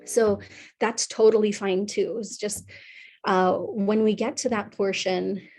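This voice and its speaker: Young woman, psychotherapist, online workshop, earnest and warm, lots of ums and restarts, video call. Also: mid-range voice, steady tone, takes it slowly, faint music behind. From California, USA. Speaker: psychotherapist leading a wellness workshop.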